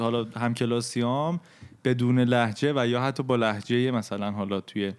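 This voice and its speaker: Man, light Isfahani accent, reflective storyteller in a casual podcast chat, mid-pitched voice. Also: smooth. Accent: Persian, light Isfahani. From Isfahan, Iran. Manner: reflective, hesitant, laughs at himself.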